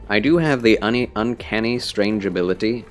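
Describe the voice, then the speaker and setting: A man's voice: fairly low pitch, moderate pace, faint music behind. A man with a scratchy, phlegmy voice, tired and under the weather, chatting casually as he streams a game and talks to viewers in a rambling way. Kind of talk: casual livestream chat with game commentary.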